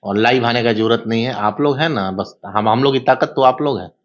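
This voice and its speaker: A man, giving an interview in an animated, emphatic, lecturing way. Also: medium pitch, brisk. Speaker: interview guest. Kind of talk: casual interview talk. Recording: dull lo-fi sound.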